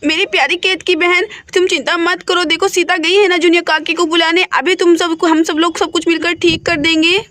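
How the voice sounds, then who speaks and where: A woman's voice: very high voice, flat delivery, moderate pace, few pauses, a bit bright. A woman voicing a caring young village elder sister who reassures and directs the others in a doll-play story. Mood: reassuring.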